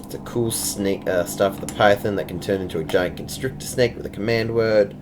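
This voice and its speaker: A man with a low-pitched voice runs a tabletop game as game master. He narrates casually and explains things to players. There is clear noise in the recording. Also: steady tone, a little fast.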